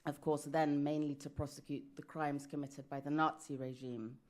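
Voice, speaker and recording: Low-voiced British woman giving a talk. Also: flat delivery. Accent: British English. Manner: measured and careful, speaks slowly. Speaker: panelist. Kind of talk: academic conference talk. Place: conference hall.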